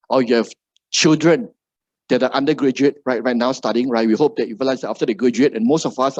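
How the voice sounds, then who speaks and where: Here a motivational speaker, a middle-aged Malaysian man with a Malaysian English accent, addresses a live seminar audience and finishes nearly each phrase with "right?". His voice is mid-range and a little mellow. The audio is dull, with no room sound.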